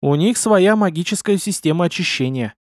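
Man playing unhurried male companion, calm explainer, lively pitch, dry sound. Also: dry recording. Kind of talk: audiobook character voice.

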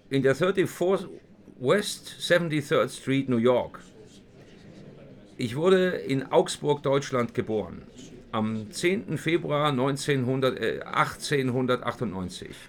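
A slow, halting witness. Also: male voice, mid-range voice, expressive. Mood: hesitant. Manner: hesitant, halting, polite. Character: hesitant middle-aged male witness under questioning. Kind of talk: radio play reenacting a hearing.

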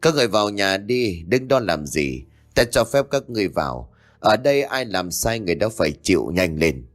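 A man's voice: lowish voice, very animated, a little fast. A man doing a scornful old village shaman. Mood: commanding. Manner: harsh, scolding, laughs mockingly.

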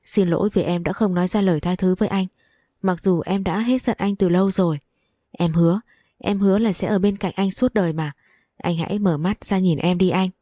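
A woman voicing a frantic young wife in a read-aloud story, pleading in quick, breathless bursts. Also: fairly low pitch, steady tone, dark tone, no echo, natural voice. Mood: desperate pleading.

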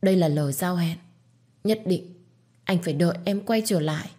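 A woman's voice: lowish voice, normal speed, dark tone, natural voice. A woman voicing a young woman who pleads through tears over someone she loves. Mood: urgent tender. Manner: pleading, tearful. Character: young woman, frantic and devoted.

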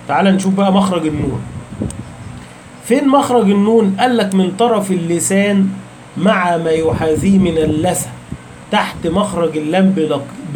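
High-voiced Egyptian man teaching patiently. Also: a little mellow, a little hiss or hum. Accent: Egyptian Arabic. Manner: asks rhetorical questions and answers them himself; slows down to stress key terms. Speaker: Quran recitation teacher. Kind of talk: explanatory lecture.

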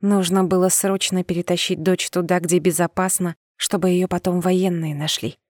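A woman narrating a first-person audiobook in a measured, steady reading. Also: on the low side, dry recording, studio quality.

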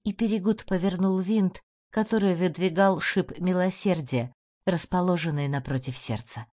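A woman narrates an audiobook in a steady, even manner. Her voice is low, and the recording sounds dull and lo-fi. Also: normal speed. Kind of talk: scripted narration.

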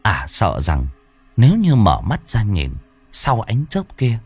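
A man telling a ghost story in dramatic, drawn-out scripted narration. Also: fairly low pitch, wildly swooping pitch, darkish tone, slightly rough, no echo, soft background music.

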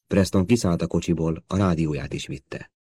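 A man narrating a spy thriller audiobook in a steady, measured reading. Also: deep voice, slightly rough. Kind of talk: scripted narration.

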